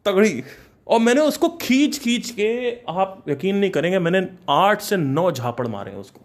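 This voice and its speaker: Animated young man telling a story. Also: sits high. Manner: animated, mixes English phrases, laughs between lines. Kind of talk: casual personal storytelling.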